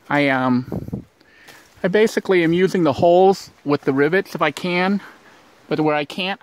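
A man narrating a casual outdoor vlog, rambling and thinking aloud with lots of fillers, recorded on a handheld camera. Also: medium pitch. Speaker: vlogger building a shelter. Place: outdoors in brush.

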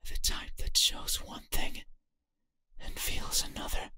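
A woman voicing an eerie night spirit that wants a person's eyes, speaking in a slow, cryptic, breathy whisper. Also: bright, forceful tone. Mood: menacing whisper.

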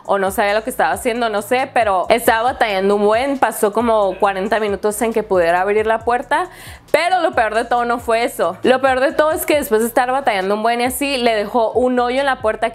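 Fast-talking woman vlogger. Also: on the high side. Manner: animated, quotes people in lively voices. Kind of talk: casual storytelling.

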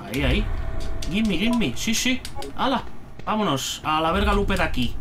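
Spanish gamer from Spain, animated high voice, cursing, chatting to himself over gameplay. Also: male voice, normal speed. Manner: chatty, swears freely, talks to himself. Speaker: gaming youtuber. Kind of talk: let's play commentary.

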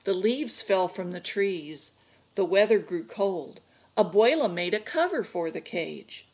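Woman reading a kids' story out loud, slow and expressive, gravelly voice. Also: medium pitch. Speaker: reader for an adult learning class. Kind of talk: reading a picture book aloud.

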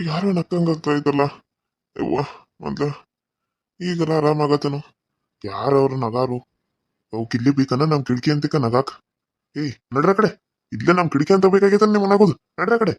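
A man's voice: on the high side, normal speed, pauses often, no room sound, lightly acted. A man voicing a frightened older man, a heart patient, pleading in a North Karnataka Kannada accent. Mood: grumbling.

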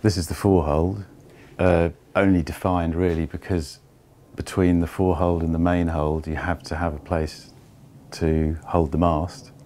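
A man in his fifties giving a measured, step-by-step tour of an old barge's wooden hold. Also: deep voice, flat delivery, mellow. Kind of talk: explanatory walking tour.

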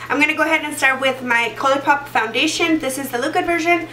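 Stuffy with a cold, this young woman in her twenties talks fast through a makeup tutorial, her high voice pushed and bright, with plenty of fillers and restarts. Recorded from a distance in a small room, the audio is echoey and slightly off-mic, with a little hiss or hum.

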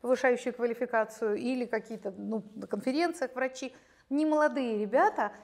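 A woman in her late fifties, a gynecologist explaining medical topics in a measured, academic way, sometimes breaking into lively storytelling, recorded on a lapel mic in a studio. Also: a little high. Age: 50s. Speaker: gynecologist guest expert. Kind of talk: conversational expert explanation. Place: bright studio, seated on chair.

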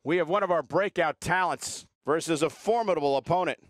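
A man calling a wrestling video game match with excitable, emphatic play-by-play commentary. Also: fairly high pitch, a little fast, dry recording.

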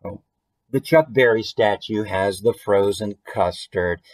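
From a small room in his home, a thirty-something American author reads his own children's book to viewers with expression, pausing for chatty asides and questions. His voice is fairly low and a little slow.

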